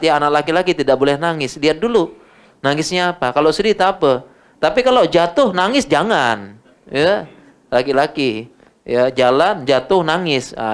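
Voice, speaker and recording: A middle-aged man with an Indonesian accent giving an informal religious lecture and answering audience questions, animated and repeating words for emphasis. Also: a little high, smooth.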